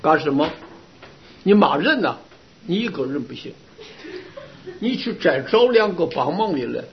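A man delivers a Buddhist sermon to his students in a high, animated voice, his pitch leaping up and down as he tells stories. He keeps asking rhetorical questions and answering them. The sound is muffled and lo-fi. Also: unhurried, slight background noise. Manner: lively storytelling with rhetorical questions. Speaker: Buddhist Dharma teacher. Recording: dull lo-fi recording.

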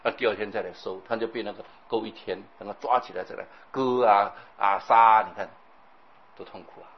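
A man giving a Buddhist sermon, telling lively stories, acting out scenes and often checking in with his listeners. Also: on the low side, brisk, muffled recording. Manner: animated storytelling, acts out scenes, keeps asking the audience "right?". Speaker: Buddhist preacher.

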